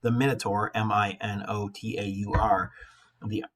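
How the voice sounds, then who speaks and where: This male teacher sounds bright and a little forceful, with some huskiness, sitting lowish in pitch at a moderate pace. He alternates between lively read-aloud stories and informal explanations for the class, adding conversational remarks along the way.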